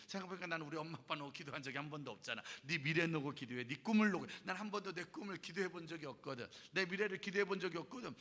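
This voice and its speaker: A man's voice: on the high side, pushed and bright. A man in his forties preaching a youth revival sermon as a pastor, telling stories with humor and acting out the voices he quotes. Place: church hall at a youth event. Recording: reverberant church hall.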